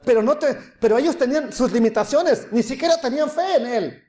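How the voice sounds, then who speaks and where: A man delivers a sermon. He preaches dramatically, moving from loud calls to near-whispered asides. The room around him is echoey. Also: very high-pitched, expressive, a little fast. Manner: dramatic, acts out quoted voices, swings from loud to hushed.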